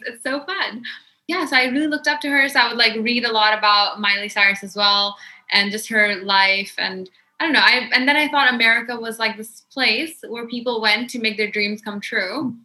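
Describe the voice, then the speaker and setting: A young Pakistani woman appears as a podcast guest in a casual interview chat. Her voice is a little high, pushed and bright, and she keeps sprinkling "like" through her talk.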